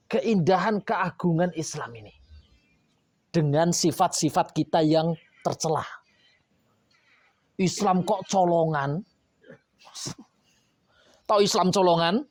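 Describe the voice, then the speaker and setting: A man preaching a sermon to boarding school students, coaxing and playful, with lively asides. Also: high-pitched, dry recording.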